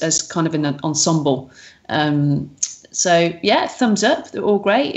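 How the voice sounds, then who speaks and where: A woman in casual podcast chat, who talks hesitantly with many ums and uhs. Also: fairly low pitch. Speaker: podcast co-host.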